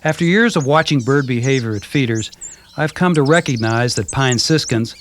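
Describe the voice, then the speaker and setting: A man narrates in a calm, measured, gently descriptive way, his voice sitting at an ordinary middle pitch. It comes from a worn VHS tape copy with a faint hiss underneath. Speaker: narrator and host of a backyard birding video. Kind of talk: scripted documentary narration.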